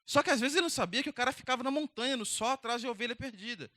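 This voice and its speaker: Fast, high-voiced young preacher. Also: male voice, dry recording. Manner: energetic, direct, conversational preaching. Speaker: youth pastor. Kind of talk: youth sermon.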